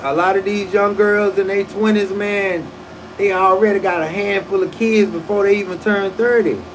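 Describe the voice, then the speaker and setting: A man's voice: sits high, fairly even intonation, moderate pace, noisy background. A man in his forties hosting a casual livestream, talking loosely with profane slang and frequent restarts. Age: 40s. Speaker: livestream host.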